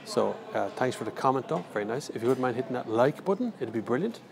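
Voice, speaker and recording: Holding his phone in a big airport terminal, an Irish car reviewer chats on a live stream, answering viewers in a rambling, jokey, slangy way. He talks fast in a mid-range, slightly mellow voice with big pitch swings and vocal fry, against faint airport noise.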